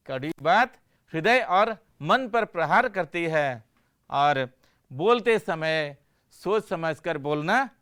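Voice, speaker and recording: A man's voice: on the high side, fairly bright tone, smooth. A man teaching a Hindi lesson for a broadcast class, explaining patiently, asking questions and answering them himself.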